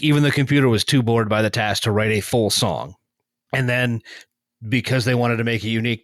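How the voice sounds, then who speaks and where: A man's voice: lowish voice, fairly bright tone, dry recording, clean studio sound. A man co-hosting a music podcast, talking casually and reviewing chart songs with wry, sarcastic asides.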